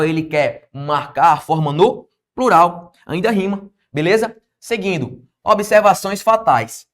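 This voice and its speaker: A Brazilian man teaching an online exam-prep grammar lesson, talking lively and answering his own questions as he goes. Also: sits high. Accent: Brazilian Portuguese.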